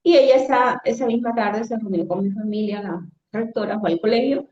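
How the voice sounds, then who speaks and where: A woman's voice: mid-range voice, fairly quick, a little mellow. Woman with Caribbean Spanish accent, roomy echo. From Caribbean coast of Latin America. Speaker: guest telling a personal testimony. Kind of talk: personal storytelling in conversation. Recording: roomy echo, slightly dull sound.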